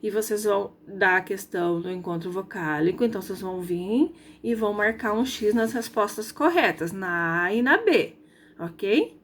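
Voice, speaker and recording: A woman's voice: mid-range voice, fairly bright tone, a little hiss or hum. A woman teacher from Brazil, explaining a grammar lesson to her pupils, stretching out example words and often checking whether they follow. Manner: drawn-out stressed example words, frequent checking questions. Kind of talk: recorded school lesson.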